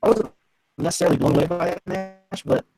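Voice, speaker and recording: Guy on a laggy video call, voice all robotic and metallic, kinda gravelly, keeps restarting what he says. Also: high-pitched, mellow, soft background music. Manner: halting, restarts often. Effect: robotic, metallic glitching voice over a bad call connection. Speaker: podcast co-host. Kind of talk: casual chat over a video call. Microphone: computer mic on a video call.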